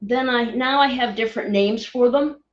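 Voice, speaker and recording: A woman's voice: a little high, normal speed. A woman on a video call, chatting casually as a guest and explaining her photos, hesitant with many fillers and restarts. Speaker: guest sharing orb photos. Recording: distant, roomy, muffled call audio.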